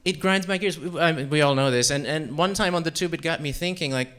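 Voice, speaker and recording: A young man from Central Europe performing a self-deprecating stand-up set on a comedy club stage, with deadpan delivery and frequent fillers. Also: on the high side, fast. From Czech Republic and Slovakia.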